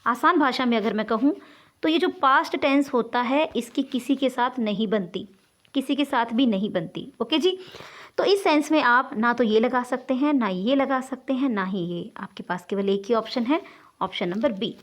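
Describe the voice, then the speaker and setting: A woman gives an online English grammar lesson in a high, light voice. She explains patiently, step by step, and pauses often to check that her students are following. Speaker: English teacher.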